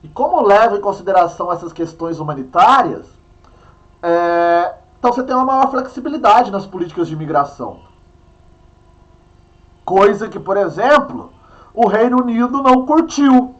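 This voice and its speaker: A man with a Minas Gerais accent gives a history lesson in a high, very animated voice. His pitch jumps all over as he chats and jokes with a co-host. The talk is loose and playful, never stiff. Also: moderate pace, lo-fi sound. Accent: Brazilian, Minas Gerais. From Brazil. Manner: chatty, playful teacher, banters with a co-host. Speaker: history teacher. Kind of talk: online class lecture.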